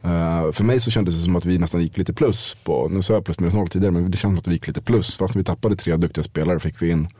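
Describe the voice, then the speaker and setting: Deep, dark-voiced man hosting a chat. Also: few pauses, husky, no room sound, clean studio sound. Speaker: podcast host. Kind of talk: casual podcast chat.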